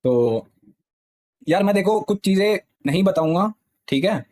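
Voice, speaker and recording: A man's voice: high-pitched, animated, measured pace, a little mellow. A young man, a gaming streamer, explaining a dispute insistently to his live-stream chat. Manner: insistent, repeats "theek hai" often.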